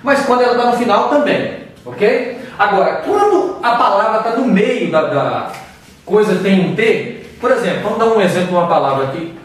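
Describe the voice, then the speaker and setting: A Brazilian man gives a casual English pronunciation lesson, his voice sitting high. He explains slowly and pauses to demonstrate sounds. The sound is distant, with heavy room echo around it. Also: animated. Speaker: English teacher. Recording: very echoey room, far from the mic.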